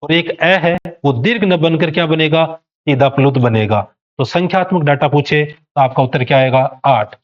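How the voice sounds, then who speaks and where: A man's voice: a little high, normal speed, hardly any pauses, highs cut off. A male teacher giving an exam coaching lecture, explaining step by step and posing rhetorical questions to students.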